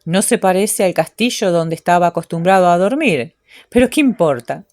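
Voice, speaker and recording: A poor, hungry duke from a folk tale, a grown man grumbling his weary thoughts aloud, as a woman reading the story lends him her own low voice. The sound is dry and close. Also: lively intonation, normal speed, darkish tone, no echo, natural voice. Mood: weary, wistful.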